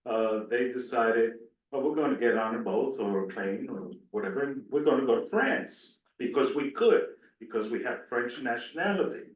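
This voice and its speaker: A man's voice: medium pitch, animated, normal speed, highs cut off. A man talks on a panel with wry, easy humor and short chuckles. His voice sits in a middle register. He is recorded from a distance in a reverberant room. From Puerto Rico. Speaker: panelist, lawyer and lobbyist. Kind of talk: panel discussion. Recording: roomy, distant.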